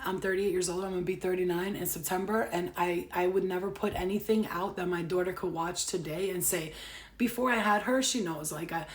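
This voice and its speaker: She's in her late thirties, reads tarot and works as a spiritual healer, and here she's chatting a little fast to viewers on a live stream. Her lowish voice carries a brash, foul-mouthed, lively manner that shifts from loud ranting to quiet, earnest moments.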